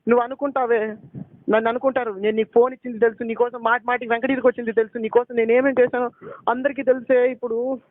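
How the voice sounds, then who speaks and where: A man's voice: very high voice, little pitch movement, fast, dry recording. A young man, arguing heatedly on a phone call, pleading, accusing and asking the same questions again and again. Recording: tinny phone call recording.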